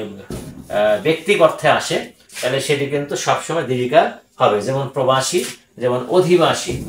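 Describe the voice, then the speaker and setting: A man with a Bangladeshi Bengali accent teaches grammar slowly and deliberately, repeating each word and often lingering on "ah." His mid-range voice is slightly bright, and the recording is rough and reverberant.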